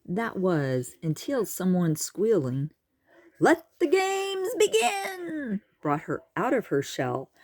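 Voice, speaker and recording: Slow expressive woman storyteller. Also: low-pitched, husky. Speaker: audiobook reader. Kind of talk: storybook narration.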